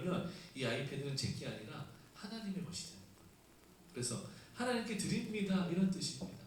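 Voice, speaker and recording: A man's voice: high-pitched, a little mellow. A male pastor giving a Sunday sermon and explaining scripture in a conversational way, with rhetorical questions. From South Korea. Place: church sanctuary. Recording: echoey room, mic at a distance, faint hiss.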